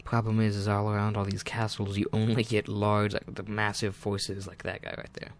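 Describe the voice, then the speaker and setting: A man's voice: lowish voice, monotone, normal speed, a little hiss or hum. A man giving rambling, self-deprecating let's-play commentary, often muttering asides to himself over faint game music. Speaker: gaming channel host.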